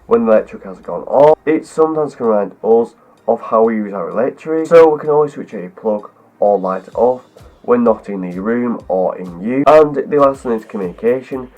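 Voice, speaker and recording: A medium-pitched man, his voice deepened by a cold, hosts a video and works through a scripted, rambling explanation to camera, linking clause after clause. He sounds animated and keeps a moderate pace. The audio is narrow and tinny.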